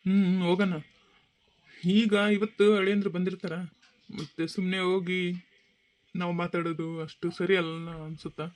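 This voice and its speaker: A man's voice: sits high, level tone, moderate pace, pauses often, natural voice. A man with a North Karnataka Kannada accent playing a hesitant, subdued village father in a family comedy-drama.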